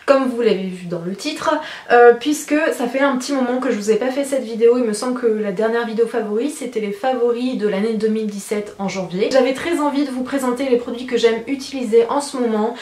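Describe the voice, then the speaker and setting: A woman's voice: fairly high pitch, fast, darkish tone. A chatty woman from France reviewing beauty products at home while sitting on her bed. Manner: chatty, says she is talkative, frequent fillers. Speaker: beauty vlogger. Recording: echoey room.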